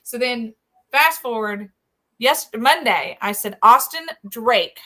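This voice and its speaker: A middle-aged woman, co-hosting a show and telling stories in a chatty, animated way. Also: fairly high pitch, slow. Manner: chatty, laughs often, animated retelling. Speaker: show co-host. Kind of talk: casual storytelling chat.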